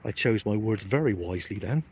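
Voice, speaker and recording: A man's voice: lowish voice, animated, a little fast, darkish tone, slight background noise. A man, live-streaming from his phone outdoors by the water, chatting casually with his viewers in a cheeky, joking, self-mocking way. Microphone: phone held in hand.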